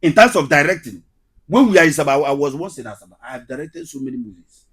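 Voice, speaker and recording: Animated, husky Nigerian Igbo man. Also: a little high, quick pace. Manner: emphatic, repeats phrases for effect. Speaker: guest, comedian and skit maker. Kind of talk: animated interview storytelling.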